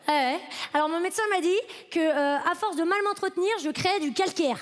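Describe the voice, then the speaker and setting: A very high voice, fairly quick, comes from a woman in her late twenties performing comedy on a festival stage. Talking directly to the audience, she's conversational and mocks herself, with slight background noise in the clip.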